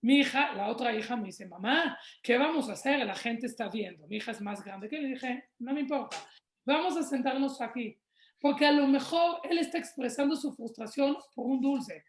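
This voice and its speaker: Woman, fairly high voice, storytelling, echoey room. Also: slight background noise. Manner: warm storytelling, acts out quoted dialogue. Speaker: parenting speaker. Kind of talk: webinar talk answering questions.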